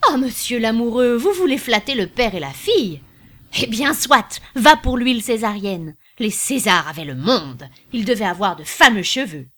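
A woman's voice: a little high, sing-song, moderate pace, sharp tone, full character voice. A grandiose middle-aged perfumer, read by a woman, bursting with exclamations. His voice swoops widely and rises as he boasts. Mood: boastful.

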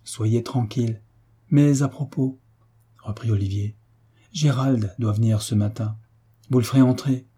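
Narrator plays a gentle young soldier, reassuring, mellow and a little breathy. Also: male voice, mid-range voice, unhurried, long pauses. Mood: earnest. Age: young adult. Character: kind earnest young soldier nephew.

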